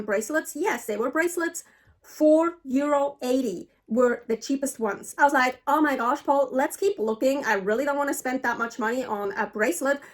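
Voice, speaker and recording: A middle-aged Swiss woman with a high-pitched voice chats casually to the camera for her travel vlog. She is frank and talkative, swearing freely.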